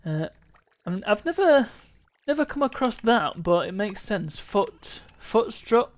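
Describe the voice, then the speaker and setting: A man's voice: sits high, sing-song, measured pace. A man chatting casually on a live stream while gaming, musing aloud and wandering between thoughts. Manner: rambling, musing aloud with restarts and chuckles.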